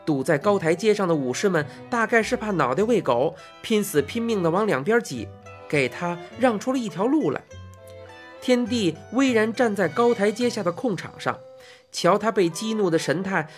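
A woman narrating a children's fantasy story expressively, voicing sound effects. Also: mid-range voice.

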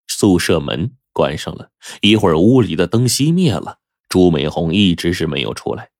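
A man telling a story aloud in a lively, folksy way. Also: low voice, no echo, studio quality. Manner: lively, folksy narration with drawn-out particles. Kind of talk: oral storytelling.

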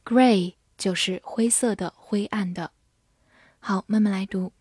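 Woman, calm vocabulary teacher, slow, deliberate delivery, dry close-mic sound. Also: medium pitch, no room sound. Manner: clear, measured, slows down for model sentences. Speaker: English teacher. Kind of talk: scripted vocabulary lesson.

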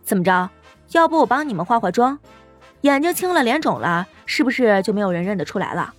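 A man voicing a fierce, sharp-tongued young woman fighter who talks down to thugs with scorn. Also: high voice, sing-song, brisk, soft background music, pitched above the performer's own voice. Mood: mocking. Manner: scornful, bossy.

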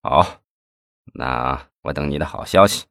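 A man reading the part of a scheming middle-aged male official, speaking low and conspiratorially. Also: unhurried, creaky, fairly bright tone, dry recording, studio quality, full character voice. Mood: hushed scheming.

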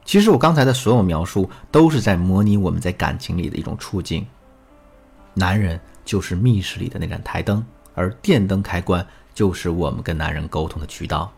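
Husky low-voiced man teaching a lesson. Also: a little fast, soft background music. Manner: animated storyteller, tutoring tone. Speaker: relationship coach. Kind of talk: recorded lesson with storytelling.

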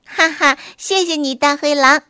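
A woman voicing a small, brave and clever gray rabbit in a children's story, brisk and confident. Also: high voice, animated, a bit bright, no echo, clean studio sound. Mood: cheerful.

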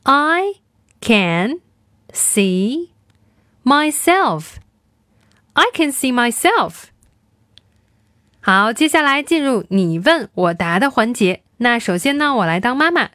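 A woman leads a children's English lesson. Her voice sits fairly high and moves a lot in pitch. She stretches words out slowly so young learners can repeat them. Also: lively intonation, a bit bright, no echo, clean studio sound. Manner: slow, drawn-out repetition of English words for children to follow.

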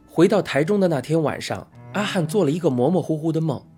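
A man narrating a novel as an audiobook in a soft, unhurried, intimate way. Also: a little high, expressive, breathy edge, soft background music. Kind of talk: scripted narration.

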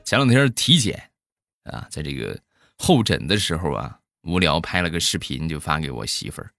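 A middle-aged man telling comic stories, with drawn-out trailing sounds. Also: very deep voice, gravelly, no room sound, faint music behind. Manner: animated, drawn-out trailing 'ah's. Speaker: comedian storyteller. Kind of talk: comic storytelling monologue.

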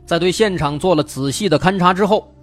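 A man's voice: high voice, fairly quick. A man with a Mainland Chinese Mandarin accent narrating true crime as a show host, telling it suspensefully with colloquial asides. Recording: music bed behind the voice.

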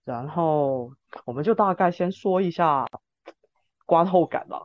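A man's voice: on the high side, a little slow, no room sound. A man with chatting casually and informally about film as a podcast host. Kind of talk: casual film discussion chat. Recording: dull lo-fi sound, music behind.

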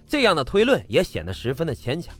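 A man's voice: on the high side, huge pitch swings, fast talker, breathy edge, soft background music. A man hosting as a true crime narrator, telling a scripted story in a colloquial storyteller's way with rhetorical questions. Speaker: true crime podcast host.

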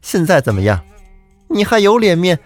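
A man's voice: high voice, sing-song, moderate pace, pitched above the performer's own voice. A male storyteller voicing a brash, bossy older woman who talks down to her husband, with faint guitar music behind. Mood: mocking.

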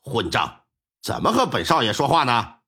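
A spoiled young master from a storytelling tale, haughty and dramatic, as a male narrator puts him on. His voice is husky and rises and falls wildly. It ends up stretched into begging cries. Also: medium pitch, wildly swooping pitch, moderate pace, pushed and bright, pitched below the performer's own voice, exaggerated voice. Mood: arrogant. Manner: arrogant, later tearful pleading. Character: brash young master, claims rebirth, pleading.

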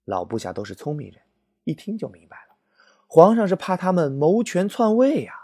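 A man narrating history as a comic story, animated and exaggerated. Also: sits high, moderate pace, dry recording, clean studio sound.

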